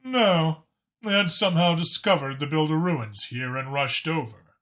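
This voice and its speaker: A man performs the chatty alien dragon informant of an audiobook tale in his natural voice, fairly high and a little bright at normal speed. The informant's tone is solemn and explanatory, laying things out with emphasis and a knowing air.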